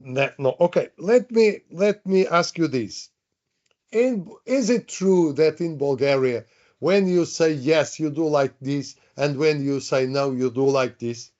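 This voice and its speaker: A man's voice: fairly high pitch, a little slow, darkish tone. A man teaching a live online workshop, chatty, repeating himself and asking the audience questions. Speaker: webinar trainer. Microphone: video call. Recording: dull lo-fi online call audio.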